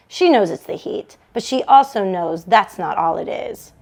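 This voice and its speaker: For an online book club read-along, a woman reads from a novel with expressive delivery. She speaks at a moderate pace with medium pitch.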